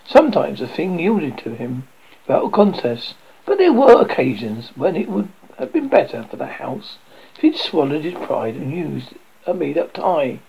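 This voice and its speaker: Gravelly, lively male storyteller. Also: on the high side, moderate pace, lo-fi sound. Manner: expressive reading with stumbles and self-corrections. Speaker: narrator. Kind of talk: audiobook reading on radio.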